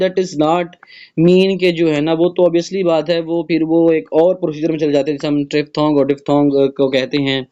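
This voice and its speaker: A man's voice: a little high, mellow. A male English teacher, explaining a textbook exercise, spelling words letter by letter and asking and answering his own questions. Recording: dull lo-fi recording.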